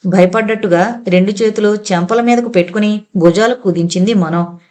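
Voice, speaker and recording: A woman's voice: mid-range voice, fairly quick, darkish tone. A woman reading a science fiction audio novel aloud as narrator, giving the characters' lines a light change of voice. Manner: reads all characters herself, quoted lines lightly voiced.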